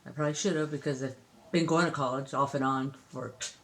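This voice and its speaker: A woman's voice: rumbling low, steady tone, quick pace. An older woman, a grandmother, chatting and teaching counting to a grandchild on a phone video. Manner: warm, chatty, sing-song counting.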